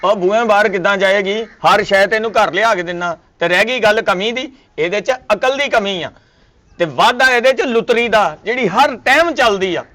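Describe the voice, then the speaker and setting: A man's voice: high voice, moderate pace, bright, forceful tone. A man playing a husband who defends himself against his suspicious wife with jokes and sayings. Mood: annoyed. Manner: exasperated, lecturing with jokes and sayings. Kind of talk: comedy sketch acting.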